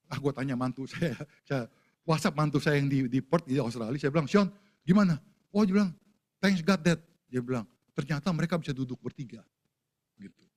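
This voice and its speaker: An older man, a pastor, telling a personal story, acting out conversations with animated delivery. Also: on the high side. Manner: animated storytelling, acting out phone and chat exchanges.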